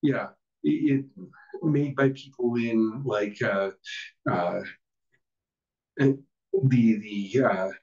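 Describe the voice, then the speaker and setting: A man's voice: mid-range voice, darkish tone. A man gives a casual tech talk at a user group meeting. He hesitates often and makes wry, self-deprecating remarks. He is recorded from across a reverberant meeting room, and the sound is muffled. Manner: halting, filler-heavy, self-deprecating. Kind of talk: casual technical presentation. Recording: distant, roomy, dull room recording.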